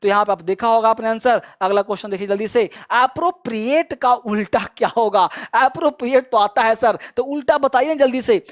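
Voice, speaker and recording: Man teacher quizzing viewers on vocabulary. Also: very high-pitched. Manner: quizzing the viewer with repeated questions and urging quick answers. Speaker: English teacher. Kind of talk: exam-prep lesson.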